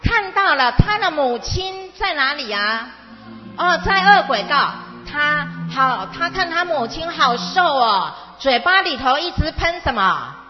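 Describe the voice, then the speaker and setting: A woman with a high voice teaches young children as a storyteller would, in simple, emphatic phrases full of questions and repetition. The sound is reverberant and slightly dull, as in a big hall, with music behind her. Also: very animated, measured pace. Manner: simple, question-and-answer talk as to small children; emphatic, repeats key words. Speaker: Buddhist teacher (dharma master) of a children's class.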